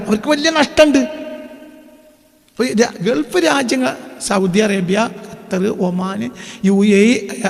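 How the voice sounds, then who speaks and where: A man giving an animated sermon-style talk, asking questions and answering them himself and reading news aloud to explain it. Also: very high-pitched, long reverb tail. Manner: animated, asks and answers his own questions. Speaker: Islamic preacher.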